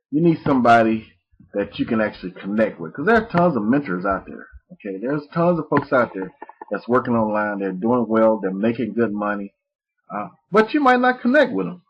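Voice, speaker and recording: A man from Mississippi presents a live webinar in a rambling, folksy manner, often restarting his sentences. His voice is fairly low, and the muffled, lo-fi webinar audio carries slight background noise.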